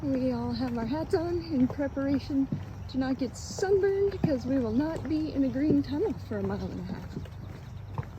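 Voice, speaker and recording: A woman's voice: sits high, animated, moderate pace, dull audio. A middle-aged woman narrating a casual family hiking vlog on a handheld camera, chatty and upbeat with frequent laughs. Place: outdoors on a hiking trail. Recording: noisy outdoor recording.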